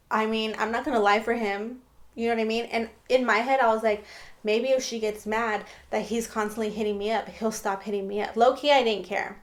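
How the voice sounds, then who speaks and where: A young woman telling a personal dating story to her viewers in a casual, emphatic storytime style. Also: mid-range voice. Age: young adult. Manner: chatty and emphatic, often addressing viewers. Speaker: storytime vlogger.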